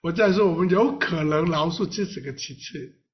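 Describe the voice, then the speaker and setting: This man speaks at a normal speed in a voice on the high side, preaching as a pastor in a playful way. He fills the sermon with rhetorical questions and reads scripture aloud alongside the congregation, captured on a dull lo-fi recording.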